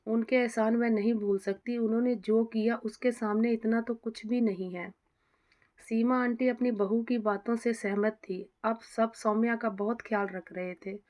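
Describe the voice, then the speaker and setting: A woman's voice: on the high side, darkish tone. Earnest female storyteller. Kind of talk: audio story narration.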